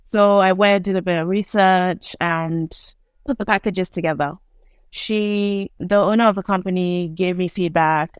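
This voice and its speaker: A woman from Nigeria, a guest on a video call, telling her story in a relaxed, chatty way. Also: fairly low pitch, clean tone, no room sound, clean studio sound. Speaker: guest entrepreneur. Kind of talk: casual interview.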